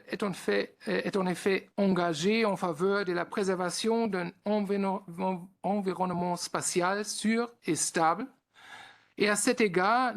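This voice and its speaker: A man with a German accent, an institute director giving formal opening remarks at a conference, reading with frequent hesitations. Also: high voice.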